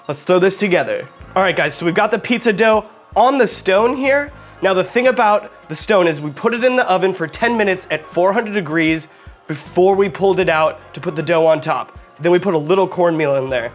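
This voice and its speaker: A man's voice: sits high, a little fast, faint music behind. A man hosting a home cooking video, joking and chatting directly to viewers as he demonstrates. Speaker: cooking show host.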